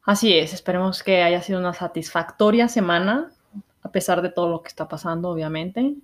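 Young woman, Mexican accent, podcast host, slightly low pitch, casual chat, slangy and informal. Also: brisk.

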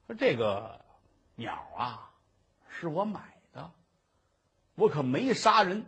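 A man's voice: fairly high pitch, big pitch swings, slow, fairly bright tone, slightly rough, full character voice. A man voicing a wealthy male herb merchant, wrongly accused and pleading tearfully.

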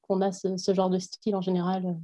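A woman's voice: on the low side, completely flat delivery, fast, mellow. A woman from France, a guest in a casual interview, thinking aloud in a reflective way with frequent hesitations.

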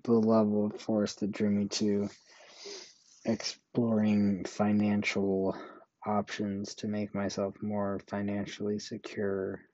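A young man talks alone into a home podcast mic, slow and flat, turning his thoughts over as he goes. His voice is low, mellow and dry, and the recording sounds a little dull and muffled. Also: dry recording. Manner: slow, monotone, musing. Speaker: podcast host. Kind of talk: solo podcast monologue.

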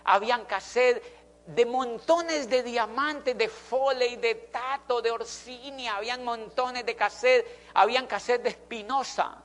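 A man's voice: very high-pitched, unhurried, a bit bright. A middle-aged man, telling an emphatic motivational story to an audience and repeating phrases for effect. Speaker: motivational speaker.

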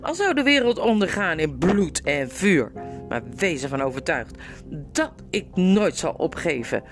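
A woman's voice: big pitch swings, unhurried, soft background music. A woman reading aloud and voicing an arrogant young prince who rants and shrieks boastful curses. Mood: defiant. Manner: shrill, ranting, boastful.

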